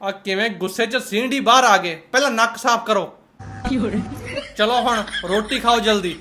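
A man's voice: high-pitched, moderate pace, bright, forceful tone, a little hiss or hum. A man with a Punjabi accent giving mocking, sarcastic reaction commentary in colloquial speech. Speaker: host of a roast reaction channel.

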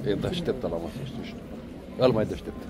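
A man joking and teasing while filming outdoors on a phone, loud church bells ringing behind him. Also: lowish voice, very animated, very noisy. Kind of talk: casual chat while filming. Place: outdoors on a city street. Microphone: handheld phone.

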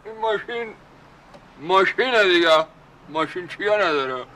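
A doting caretaker, played for sitcom laughs, gushes about the young woman he loves in florid language, boasting and calling others "baba jan." The man's voice is high, pushed and bright with lively intonation, carrying a little hiss or hum on a low-quality recording.

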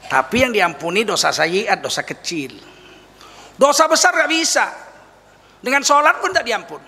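Man, preacher, lively sermon, high bright voice, acts out tearful prayers. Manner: animated, mimics weeping prayers, jokes with audience. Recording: long reverb of a hall.

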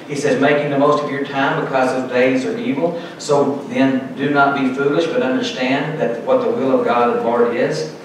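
A man's voice: mid-range voice, steady tone, moderate pace, few pauses, a little hiss or hum. A middle-aged man preaching a sermon at a pulpit, earnestly reading scripture aloud with emphasis. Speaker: pastor. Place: church sanctuary, indoors, at a pulpit. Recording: echoey church from far off.

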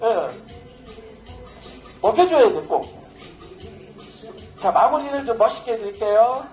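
A man's voice: extremely high pitch, animated, unhurried, darkish tone, soft background music, poor audio. A middle-aged man teaching social dance, talking casually and boastfully with jokes as he demonstrates. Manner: boastful, joking, casual banter. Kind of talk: dance lesson with live commentary.

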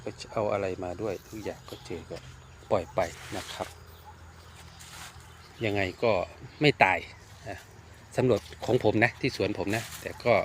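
A man's voice: fairly low pitch, unhurried, pauses often, a bit bright, a little hiss or hum. A man casually walking through his garden, explaining plant care step by step and often repeating his words. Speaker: garden owner and plant grower. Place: outdoor rural garden.

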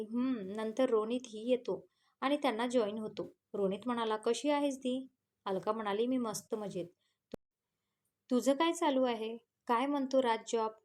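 A woman's voice: fairly high pitch, a little mellow. A woman with a Marathi accent reading a romance story aloud, voicing every character's lines in her own voice between plain narration tags.

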